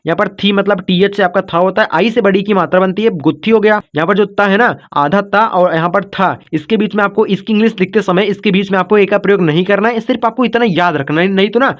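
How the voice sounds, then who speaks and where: Guy with a pretty high voice doing an online lesson, slow and repetitive, muffled lo-fi recording. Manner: patient, repetitive explaining, breaks words into syllables; calls listeners "kids" and "brother", checks in with "okay". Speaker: teacher.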